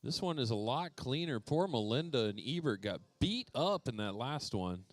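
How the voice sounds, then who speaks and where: A man's voice: medium pitch, very animated, normal speed, dry recording. A man doing playful live commentary at an indoor RC racetrack, calling out drivers by name. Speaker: RC race announcer.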